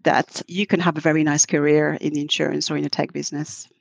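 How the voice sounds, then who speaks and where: Her voice low, creaky and fairly flat in pitch, a middle-aged non-native English speaker who works as a marketing executive is interviewed on a podcast. She's thoughtful but halting, frequently starting sentences over, and the recording is rough with no echo.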